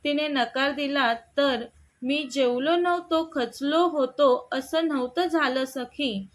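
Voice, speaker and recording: A woman voicing a stubborn young husband who feels hurt by his wife, speaking slowly in a high voice. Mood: tender.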